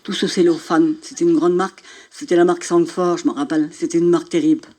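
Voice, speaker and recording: Older lady from the north of france telling her church testimony, lively storyteller, low mellow voice. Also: fast talker. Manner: animated storyteller, acting out dialogue. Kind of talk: spoken religious testimony.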